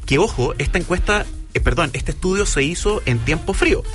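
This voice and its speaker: A man, an ice cream maker as a guest, speaking enthusiastically and warmly about the product. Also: on the high side, lively intonation, fairly quick, soft background music. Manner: enthusiastic, effusive.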